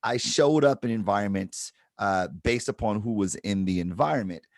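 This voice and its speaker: A man's voice: fairly low pitch, lively intonation, normal speed, no echo, clean studio sound. A middle-aged man from Detroit, speaking on a panel about advertising in a reflective way and checking in with "right?". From Detroit, Michigan. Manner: reflective, explains with repeated "right?". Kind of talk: panel discussion.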